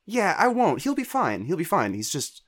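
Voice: medium pitch, huge pitch swings, moderate pace. A player voicing a shy bird character who rambles and hesitates, full of fillers. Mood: awkward, nervous. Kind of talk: playing a character in a tabletop game.

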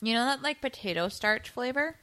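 A woman's voice: a little high, expressive, brisk, fairly bright tone. A young woman co-hosting a casual snack-tasting chat, laughing often and reading from a booklet. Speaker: co-host reviewing snacks.

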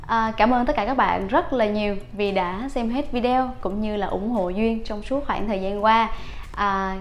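A woman's voice: medium pitch, moderate pace. A young woman teaching a vocabulary lesson online, repeating each word several times for learners to practise. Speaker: language teacher.

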